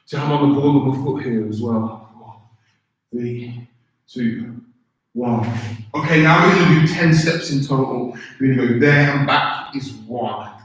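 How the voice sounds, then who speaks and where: A man with a medium-pitched, slightly slow voice leads a live beginner karate workout, encouraging people informally and counting out exercise commands. The microphone is distant, in a very echoey indoor room.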